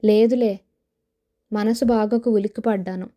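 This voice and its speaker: A woman's voice: medium pitch, steady tone, a little slow, warm tone, lightly acted. A woman voicing a wistful young village woman who dreams of film stardom, in an audio novel. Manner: wistful, sighing.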